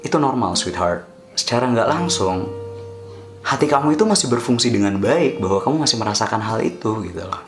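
A man's voice: medium pitch, animated, a little fast. A man talking casually to his vlog viewers in a chatty, reassuring way, switching between Indonesian and English. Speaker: vlogger. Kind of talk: casual talk to camera. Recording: echoey room with soft guitar music.

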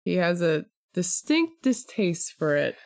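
A woman's voice: on the low side, vocal fry. Chatty woman podcast host. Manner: chatty, animated, quick asides and self-deprecating jokes. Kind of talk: casual chat.

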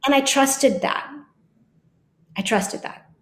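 A woman, a Kathak dancer and teacher, recalls her training in a reflective interview. She acts out her teacher's lines in lively voices. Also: high voice, takes it slowly, roomy sound. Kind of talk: storytelling interview.

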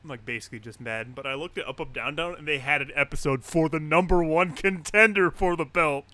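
A man's voice: fairly high pitch, fairly quick. A man co-hosting a podcast, casually retelling a story with lots of fillers and frequent laughs. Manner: relaxed, filler-heavy retelling, laughs often. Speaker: podcast co-host. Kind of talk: casual chat.

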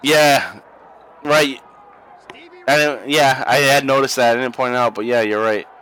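A man's voice: mid-range voice, unhurried, pushed and bright, smooth, poor audio. A young man co-hosting a podcast, watching old wrestling and chatting casually, profane and laughing a lot. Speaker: podcast co-host. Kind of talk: casual watch-along commentary.

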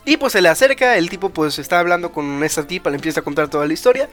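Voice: mid-range voice, animated, fast talker, fairly bright tone, faint music behind. A speaker, co-hosting a podcast and recapping an anime episode in casual chat. They ramble, with many fillers and tag questions. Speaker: podcast co-host.

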